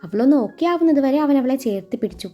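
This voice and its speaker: Female storyteller, expressive scripted narration, lo-fi sound. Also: sits high, quick pace. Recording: muffled recording with soft music.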